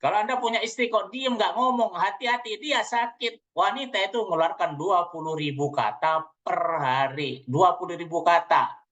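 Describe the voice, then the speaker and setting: A man's voice: high voice, normal speed, a bit bright. A man giving a playful seminar talk, teasing the audience and speaking to them directly, recorded on a dull lo-fi track. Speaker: seminar trainer. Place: seminar room.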